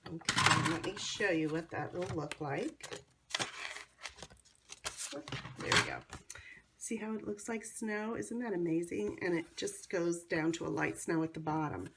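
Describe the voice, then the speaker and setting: An American woman with a hoarse, cold-affected voice hosts a casual how-to craft demonstration in a chatty, enthusiastic way. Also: fairly low pitch, a little slow, pauses often, heavy background noise. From North Carolina, United States. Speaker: craft tutorial host.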